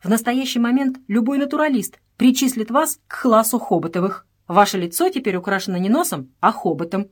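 A woman voicing a calm male doctor who speaks briskly and matter-of-factly in a storybook reading. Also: fairly high pitch, voice pushed up. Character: calm, dry-witted male colonial doctor.

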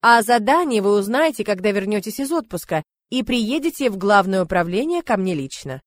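A woman's voice: medium pitch, sing-song, fairly quick, no echo, clean studio sound, lightly acted. A woman reading aloud, voicing a stern older male department chief who lectures his son and subordinates.

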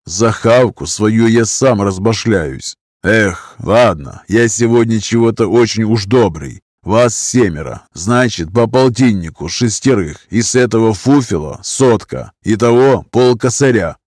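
A man's voice: on the low side, unhurried, few pauses, a little mellow, no room sound, clean studio sound. A man voicing a huge, scarred criminal who drawls threats in thieves' slang. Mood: menacing.

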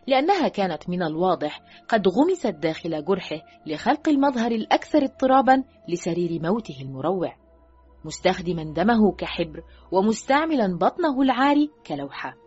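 A woman reads a thriller novel aloud in a scripted narration style, her voice slightly husky and lower than most. Her reading is animated, with pitch climbing and falling and phrases sinking low and soft at their ends. The recording sounds muffled and lo-fi, with quiet music underneath. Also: a little fast. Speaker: audiobook narrator. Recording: dull lo-fi recording with faint music.

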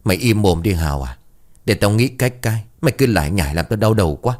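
A man voicing a grumpy old male village sorcerer who scolds gruffly in a spoken ghost story. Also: fairly low pitch, expressive, fast, a little mellow, close to an everyday voice.

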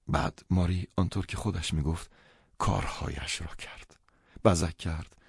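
Male audiobook narrator: deep, husky, calm first-person reading, dry sound. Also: dry recording.

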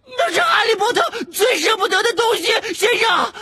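A man voicing an excitable male house-elf servant in a shrill, squeaky, pleading voice. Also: moderate pace. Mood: urgent squeaky.

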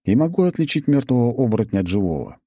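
A man voicing a calm, dryly teasing male healer, the first-person hero of an audiobook. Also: medium pitch, fast talker, slightly rough, pitched above the performer's own voice.

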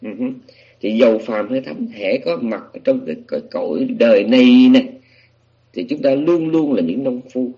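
Male dharma teacher, husky and low, talks through a sutra with restarts, dull lo-fi recording. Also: lively intonation, moderate pace, dark tone. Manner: explanatory, with many restarts and fillers. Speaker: Buddhist teacher. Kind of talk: sutra lecture.

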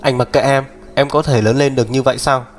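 Một người đàn ông đọc truyện, đóng vai người anh trai trẻ bảo bọc, hay ra lệnh, nói chắc nịch kiểu lên lớp. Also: male voice, mid-range voice, steady tone, fast talker, natural voice. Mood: exasperated. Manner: firm, lecturing. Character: young man, protective bossy older brother.

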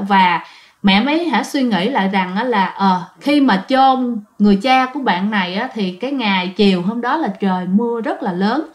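Woman, fairly high voice, chatty storyteller, speaks to listeners. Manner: chatty, addresses listeners directly. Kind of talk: casual ghost-story narration.

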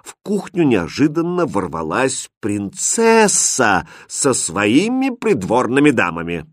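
A man narrating a fairy tale in an expressive storybook reading. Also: mid-range voice, slow, dry recording, studio quality. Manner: expressive, acting out voices.

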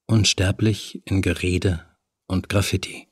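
A man with a very deep, husky voice reads a horror audiobook in a measured, even storytelling manner. He takes his time over every sentence. The recording is dry and close, with no room sound. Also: no room sound. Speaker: audiobook narrator. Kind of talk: scripted horror audiobook narration.

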